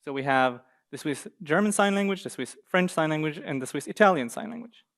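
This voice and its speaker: A young man from Israel presents to a university seminar audience through a hall mic. He sits a little high for a man and keeps things lively with small jokes between points. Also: fairly quick. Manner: lively, joking aside to the audience. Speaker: guest speaker. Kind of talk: conference talk with slides.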